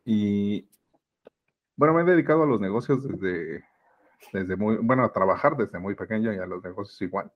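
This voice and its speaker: A business mentor from Mexico City, speaking with a Mexican Spanish accent, is a guest on a podcast, talking casually in a reflective, hesitant way full of fillers. His fairly low voice has lively intonation at normal speed, with the highs cut off.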